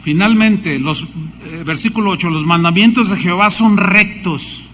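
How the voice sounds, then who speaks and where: A man with a Mexican accent, preaching a sermon as a pastor, animated, with lists and storytelling asides. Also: sits high, normal speed, big-room sound, a little hiss or hum.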